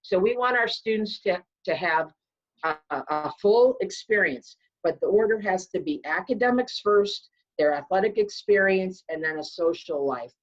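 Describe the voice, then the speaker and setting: A woman's voice: mid-range voice, lively intonation, normal speed. A woman from the athletics staff hosting a virtual info session, speaking confidently and persuasively over a video call. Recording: dull lo-fi video call audio.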